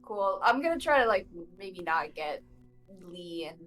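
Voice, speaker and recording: A woman taking part as a player in a tabletop role-playing game, playful and quick to laugh. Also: on the low side, sing-song, a bit bright, soft background music. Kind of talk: tabletop role-play chat.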